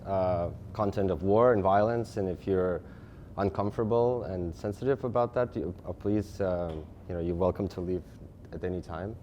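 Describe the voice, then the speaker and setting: A man in his thirties from Russia giving a lecture presentation, talking fast, with frequent restarts and fillers. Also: fairly low pitch, darkish tone, a little hiss or hum. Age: 30s. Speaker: guest speaker.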